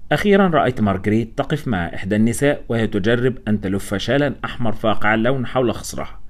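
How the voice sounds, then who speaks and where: A man reading a first-person story aloud as scripted audiobook narration, with brisk, steady storytelling. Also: mid-range voice.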